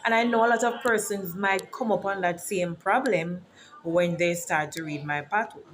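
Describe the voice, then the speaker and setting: A woman's voice: lowish voice, moderate pace. A woman from Jamaica with a Jamaican accent, a teacher and author talking casually to camera and explaining words like a lesson. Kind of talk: casual vlog.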